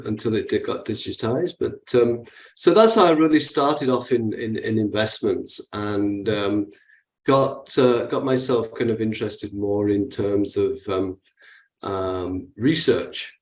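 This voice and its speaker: A man in his sixties from Manchester, England, with a Manchester accent, answering interview questions in a halting way full of fillers and restarts. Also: lowish voice, darkish tone, roomy sound, rough recording. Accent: Manchester English. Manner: hesitant, many fillers and restarts. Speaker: guest investor. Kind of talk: interview conversation.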